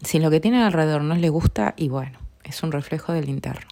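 A middle-aged woman with a Rioplatense accent and a notably low voice. She speaks in a reflective, heartfelt way, often trailing off into a hushed near whisper. Her talk is personal and unhurried, like a podcast host sharing her own story. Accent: Rioplatense Spanish. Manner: soft, earnest, often dropping to a near whisper.

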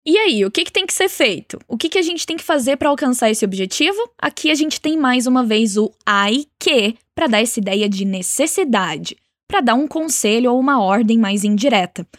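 A woman teaching a language lesson, encouraging and clear, slowing down to model phrases for the listener to repeat. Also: fairly high pitch, animated, no room sound, studio quality. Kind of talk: spoken language lesson with repeat-after-me drills.

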